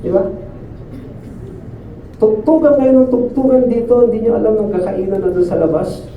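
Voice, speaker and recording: A man preaches a sermon at a church service in a high voice, chatting with the congregation and checking again and again that they agree. He stands away from the microphone in a reverberant hall. The sound is narrow and tinny like a phone line, with faint room noise behind. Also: moderate pace. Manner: conversational, often asks listeners "di ba?". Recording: echoey distant phone-like sound.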